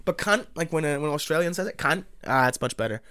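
A man's voice: a little high, expressive, rapid-fire, a bit bright, clear, resonant tone, no echo. Young man, podcast co-host, teasing, jokey, dry close sound. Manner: joking, teasing, breaks into laughs. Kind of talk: casual banter.

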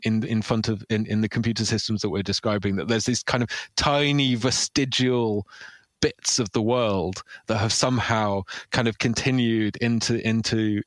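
Thoughtful low-voiced man, dry sound. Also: no room sound. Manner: thoughtful, hesitant, many fillers and restarts. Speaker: author guest. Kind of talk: casual intellectual conversation.

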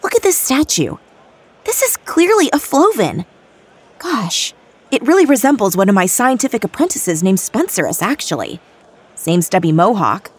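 Casting: man voicing a quick, high-pitched alien scientist lady, lively and earnest, storybook reading. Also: breathy edge, full character voice. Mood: excited.

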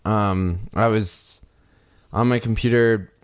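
A man co-hosting a podcast, telling a story in a measured, hesitant way with many fillers and the odd dry chuckle. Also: fairly low pitch, steady tone, smooth, dry recording. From United States. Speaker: podcast co-host, audio circuit designer. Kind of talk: casual conversational storytelling.

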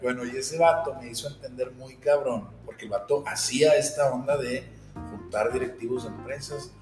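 A man's voice: mid-range voice, moderate pace, a little mellow, very echoey, big-room sound, faint music behind. A man with a Mexican accent, a bakery director talking as a podcast guest, slangy and swearing freely as he tells stories. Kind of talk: casual podcast interview.

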